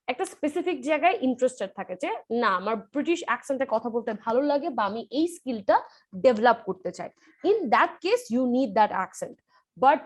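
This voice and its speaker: A woman with a Bangladeshi accent, a spoken English instructor explaining things in class, often mixing English phrases into her talk. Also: high-pitched. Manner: explanatory, switches often between two languages.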